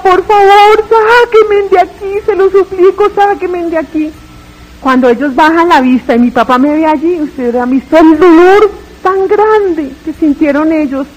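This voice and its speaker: A woman's voice: very high-pitched, low-quality recording. A woman giving a dramatic, tearful religious testimony, retelling her story with fervor.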